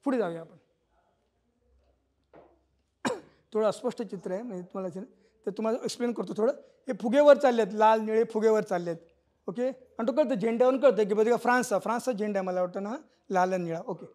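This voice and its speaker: A man's voice: high-pitched, fast, long pauses, darkish tone. Middle-aged male cartoonist, live stage lecture, explanatory, acts out lines. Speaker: cartoonist presenting a talk. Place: auditorium stage.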